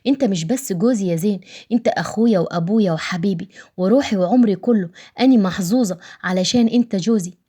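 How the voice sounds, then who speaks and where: A loving young wife in a storybook tale, in a whispered role-play by a woman narrator. She breathes her words tenderly and sounds unhurried, with a light, hushed voice. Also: mid-range voice, breathy edge, lightly acted.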